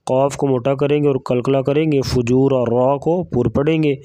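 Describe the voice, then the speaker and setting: A man teaching Quran recitation, explaining pronunciation rules step by step in a brisk, methodical way. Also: mid-range voice, fairly even intonation, dark tone, no room sound.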